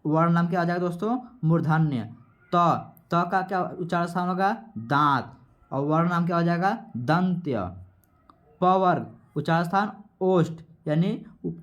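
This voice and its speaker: Male tutor, slightly high voice, exam-prep lesson, repeats and quizzes himself. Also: highs cut off. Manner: repetitive, quizzing, asks and answers himself; sounds out letters slowly. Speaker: teacher.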